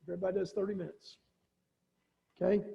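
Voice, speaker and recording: A man's voice: sits high, level tone, fast talker, gravelly, dark tone. A man, the director of schools, giving rambling, folksy remarks with many restarts at a school board meeting. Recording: dull lo-fi audio in a reverberant room.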